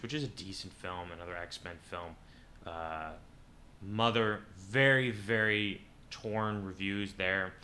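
A man's voice: on the low side, sharp tone. A young man hosting a podcast on his own, chatting casually and rambling, correcting himself as he thinks aloud. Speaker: podcast host. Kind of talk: casual solo podcast chat.

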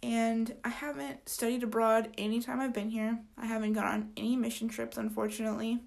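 A woman in her twenties hosting a casual solo podcast, tired and yawning, rambling with lots of fillers and soft trailing endings. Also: a little high, flat delivery, fairly quick, creaky. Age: 20s. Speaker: podcast host.

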